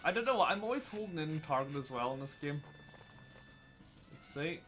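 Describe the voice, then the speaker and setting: Casting: male gamer, light bright voice, a touch high, chatty and self-mocking commentary. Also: animated, moderate pace, faint music behind. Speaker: gaming channel host. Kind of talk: casual let's-play commentary.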